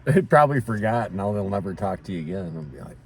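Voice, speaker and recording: Gravelly, low-voiced laid-back man. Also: expressive, fast, slight background noise. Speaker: podcast co-host. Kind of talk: casual chat.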